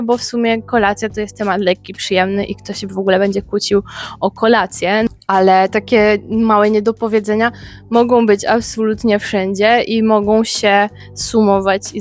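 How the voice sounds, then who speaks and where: Woman, young adult, from Poland, vlogger, expressive, casual chat, faint background music. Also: medium pitch. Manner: lively, expressive storytelling. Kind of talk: casual talk to camera.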